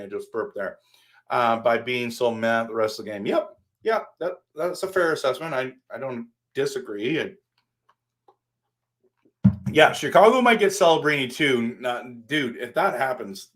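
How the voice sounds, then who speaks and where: A man's voice: medium pitch, a bit bright. A man hosting a casual live stream, rambling and answering his viewers by name while standing at his desk.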